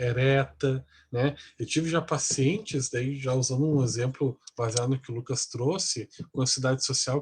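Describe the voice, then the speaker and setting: A man's voice: mid-range voice, breathy edge. A male psychology lecturer, explaining patiently in a class and often ending sentences with a questioning "né?".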